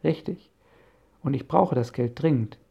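A man reading a friendly inventor professor in an audiobook, calm and explaining, with a gravelly voice. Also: medium pitch, a little slow, dull audio, heavily acted. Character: friendly middle-aged male inventor professor. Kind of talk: audiobook character voice.

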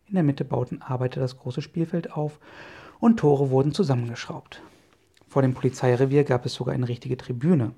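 A man narrating a children's adventure story in a steady storytelling manner. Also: medium pitch, a little fast, husky. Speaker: audiobook narrator.

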